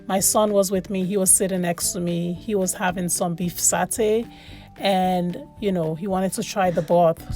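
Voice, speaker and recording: A woman's voice: lowish voice, dark tone. A woman from Sierra Leone giving casual, chatty food vlog commentary, often repeating words for emphasis. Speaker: food vlogger. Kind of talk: casual voice-over commentary on a meal.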